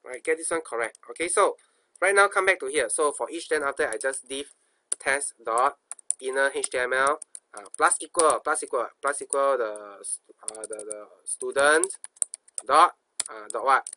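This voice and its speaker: Bright-voiced Singaporean man teaching coding. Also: medium pitch, moderate pace. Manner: colloquial, asks himself questions, repeats phrases. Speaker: programming instructor. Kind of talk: informal screencast coding tutorial, thinking aloud.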